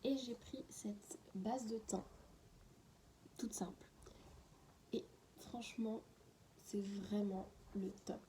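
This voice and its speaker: A woman's voice: mid-range voice, takes it slowly, pauses often, mellow, slight background noise. A woman in a casual, unedited beauty haul, chatting away and often dropping into a half-whisper. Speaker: beauty vlogger.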